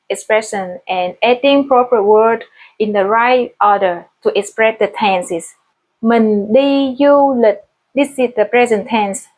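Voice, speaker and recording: A woman with a Vietnamese accent, a native Vietnamese speaker, explaining a language lesson in a clear, step-by-step teaching manner. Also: a little high, darkish tone, low-quality recording. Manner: clear, explanatory, modeling example phrases slowly.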